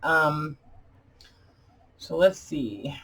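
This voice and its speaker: A woman chatting casually as a craft video host, halting and deliberate, her speech slightly impeded by dentures as if her mouth were full of peanut butter. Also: low voice, expressive, breathy edge, poor audio. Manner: halting, deliberate, pausing often. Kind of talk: casual chat tutorial.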